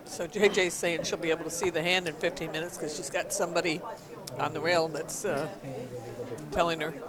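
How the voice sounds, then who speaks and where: A man's voice: a little high, little pitch movement, a little fast, a crowd in the background. A man commentating live poker from a booth, talking through the players' decisions in an analytical way, often adding "you know".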